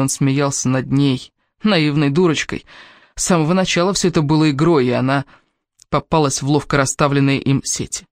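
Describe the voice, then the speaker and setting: A man's voice: a little high, no echo. Male audiobook narrator, dry sound. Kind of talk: scripted narration of a romance novel.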